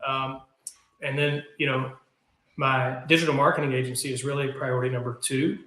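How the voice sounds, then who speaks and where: A man's voice: medium pitch, fairly even intonation, normal speed, fairly bright tone. A middle-aged man with an Appalachian accent, chatting casually as an interview guest. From Kentucky, US. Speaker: podcast guest, business owner. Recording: echoey room.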